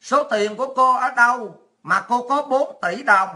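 A woman's voice: fairly high pitch, unhurried, pushed and bright. A woman mimicking a corrupt, bullying judge who scolds and mocks a depositor. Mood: scolding, mocking. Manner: accusing, mocking.

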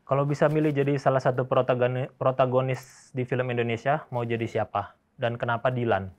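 Fast-talking teasing male interviewer. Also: mid-range voice, flat delivery, muffled recording. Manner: teasing, interrupting, rapid-fire questions. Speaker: interviewer and host. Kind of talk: mock-serious comedic interview.

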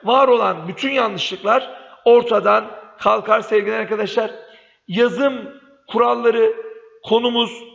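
A man's voice: high-pitched, measured pace, vocal fry, a bit bright. A man teaching a spelling lesson for exam prep, contrasting wrong and right spellings and calling his students dear friends. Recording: dull lo-fi sound, long reverb.

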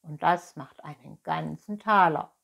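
A woman's voice: sits low, unhurried, creaky, a bit bright, full character voice. A woman doing a brusque innkeeper. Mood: firm. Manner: firm, businesslike. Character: brusque male innkeeper, grown man.

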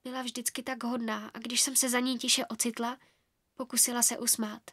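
A woman narrating a children's fairy-tale audiobook in the first person, with a soft, expressive storytelling manner. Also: a little high, breathy edge, no echo, studio quality.

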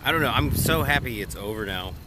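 A man's voice: mid-range voice, lively intonation, fairly quick. A man in his early thirties chatting casually and telling stories into a friend's phone. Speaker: comedian's friend. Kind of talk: casual chat, storytelling. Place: outdoors and in a car. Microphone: phone held by companion. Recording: noisy phone audio, car and outdoors.

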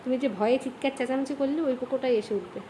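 A mother at home, coaxing and pleading with her sulking child in a gentle, pleading way. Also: very fast, slight background noise. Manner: pleading, coaxing in a high soft voice. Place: home bedroom.

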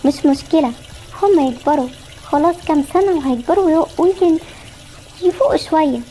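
A woman's voice: sits high, quick pace, mellow, slight background noise, lightly acted. A woman with an Egyptian accent voicing a fretful young mother of twin girls, in an amateur voiced game story. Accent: Egyptian Arabic. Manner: fretful, scolding and soothing by turns.

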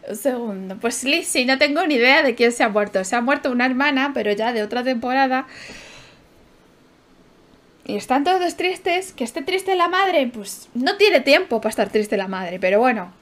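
A woman's voice: sits high, animated, moderate pace, fairly bright tone. A young woman, casually commentating her gameplay, chatty and swearing, often laughing and chanting repeated words. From Spain. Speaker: streamer.

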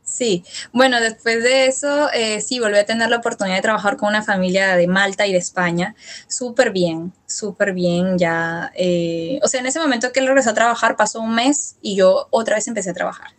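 A young Latin American woman talks through her experience in a relaxed interview, voice at an ordinary middle pitch. She circles back often, restarts phrases and slips in fillers as she thinks. The sound is close and clean, on a studio mic. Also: fairly quick. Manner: hesitant, many restarts and fillers, quotes her own past words. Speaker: interview guest. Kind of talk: casual storytelling interview. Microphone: studio microphone.

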